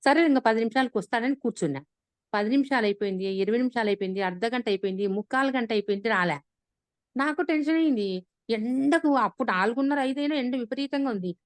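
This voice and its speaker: A woman, casually retelling a personal story on a video call, animated and full of restarts. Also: a little high, quick pace, no room sound. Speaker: class participant sharing an experience.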